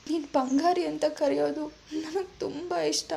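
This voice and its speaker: A woman's voice: high-pitched, steady tone, measured pace, vocal fry, mellow, a little hiss or hum, voice pushed up, exaggerated voice. A woman voicing a frantic grieving young woman. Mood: pleading, tearful. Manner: pleading, tearful and frantic.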